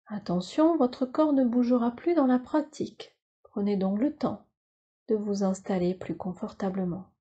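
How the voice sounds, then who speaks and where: A woman teaches yoga nidra, guiding a relaxation in calm, soothing, instructional language with measured phrasing. Her voice is a little high with a breathy edge, and the recording sounds muffled.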